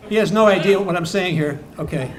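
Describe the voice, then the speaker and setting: Man, higher-pitched voice, tribute roast jokes, quick asides to the crowd, faint bar ambience. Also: background noise. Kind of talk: stand-up style joke telling at a tribute. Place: bar event room.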